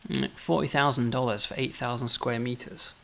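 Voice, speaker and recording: Over crowd noise, a game developer chats his way through new features in a casual gameplay walkthrough, frequently tacking "right?" onto what he explains. He speaks at a moderate pace in a medium-pitched, steady, creaky voice.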